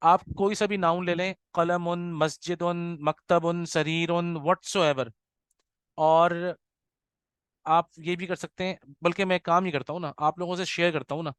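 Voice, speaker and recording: A man teaching an Arabic grammar class, explaining patiently, checking in with his students often, and slowing down to sound out words. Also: a little high, flat delivery, fairly bright tone, clear, resonant tone, no room sound.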